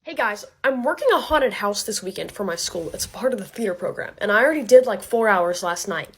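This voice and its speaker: A young American woman telling personal stories as a casual comedic rant, exaggerated and animated, acting out what people said. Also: medium pitch, a little fast, husky. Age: teens to young adult. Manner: animated, exaggerated, acts out quotes. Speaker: social media creator telling personal rants.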